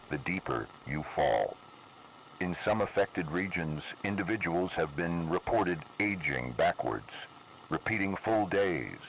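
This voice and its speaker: Performed in a heavily acted style, this male announcer speaks extremely low yet a bit bright, reading an ominous analog horror emergency warning. His tone is grave, deliberate, and cryptic, coming through a lo-fi radio broadcast tinged with faint noise.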